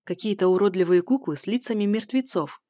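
A woman voicing a confident, persistent man who speaks calmly and insistently in an audiobook. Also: medium pitch, fairly quick, dry recording, clean studio sound, natural voice. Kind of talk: audiobook dialogue reading.

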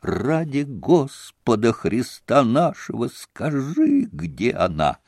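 A man's voice: medium pitch, huge pitch swings, slow, creaky, a little mellow, no room sound, exaggerated voice. A man doing a desperate hot-headed young man, frantic and urgent, wildly varied intonation, dry sound.

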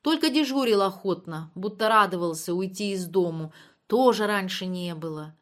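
A woman reading literary prose as an audiobook narrator, measured and subdued. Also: mid-range voice, animated.

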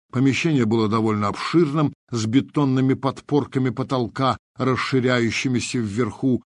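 Male audiobook narrator, mid-pitched, husky, measured dramatic reading. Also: no room sound.

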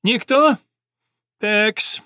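A man's voice: sits high, drawn-out words, sharp tone, smooth, no room sound, voice pushed up, heavily acted. A man voicing a boisterous, teasing horse-owning sportsman in a storybook reading.

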